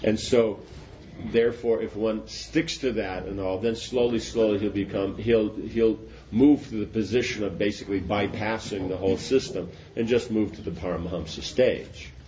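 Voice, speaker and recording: A man's voice: fairly low pitch, fairly even intonation, normal speed, dark tone. A man giving an informal spiritual talk, rambling with restarts and often asking whether it makes sense. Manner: rambling, repeats and restarts, asks "does that make sense?". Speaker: spiritual teacher. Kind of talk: informal philosophical discourse. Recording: dull lo-fi recording with faint noise.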